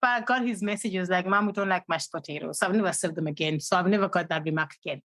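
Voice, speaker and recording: A woman's voice: fairly low pitch, fast, dry recording, low-quality recording. Woman from Zimbabwe, laughing storyteller. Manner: laughing, storytelling, animated when quoting. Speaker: podcast guest. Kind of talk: casual interview chat.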